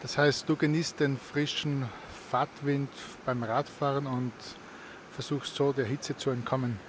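A male reporter asking brisk questions in a street interview by a river. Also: mid-range voice, steady tone, background noise. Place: outdoors on a riverside promenade.

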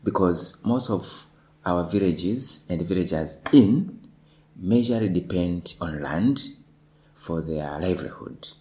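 A man from Tanzania, a lawyer, speaking in a measured way in a discussion and repeating words as he thinks. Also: low-pitched, lively intonation, mellow, rough recording. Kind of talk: panel discussion.

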